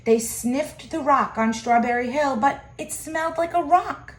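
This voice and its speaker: A high-voiced woman reads a children's picture book aloud expressively, pausing to make asides to her listeners. The recording sounds echoey, as if made in an echoey room.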